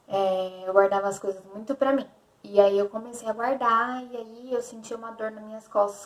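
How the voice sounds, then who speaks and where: A woman's voice: on the high side, distant mic. A young woman from Brazil, a vlogger telling a personal story candidly and repeating words as she goes. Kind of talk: personal confessional vlog. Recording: echoey room, voice off-mic.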